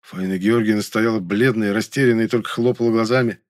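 A man narrating a first-person story as an audiobook, telling it in a steady storytelling voice. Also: on the low side, fast talker.

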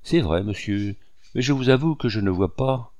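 Storybook role: a proud, earnest army commander, voiced by a man, deep-voiced. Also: animated, moderate pace, a little mellow, dry recording, natural voice. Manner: haughty, earnest.

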